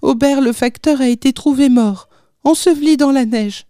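A woman voicing an anxious young mother, speaking in a high, agitated, exclaiming way. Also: normal speed, mellow, no echo, clean studio sound, close to an everyday voice. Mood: distressed.

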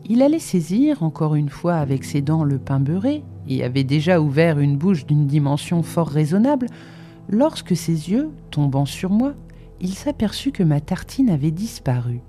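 A reader giving measured, even scripted narration of a novel in an audiobook. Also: mid-range voice. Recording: faint background music.

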